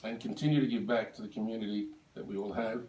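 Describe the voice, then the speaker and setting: A man's voice: on the low side, steady tone, fast, mellow, distant mic, a little hiss or hum. Man in his 70s, speech at a table, echoey room, heard from afar. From Australia. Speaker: birthday speaker. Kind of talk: speech at a birthday lunch.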